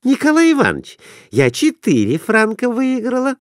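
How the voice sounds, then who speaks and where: Man doing a giddy young wife, squealing exclamations, excitable gambler, storybook reading. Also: very high voice, normal speed, no echo, clean studio sound, voice pushed up, heavily acted. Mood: excited.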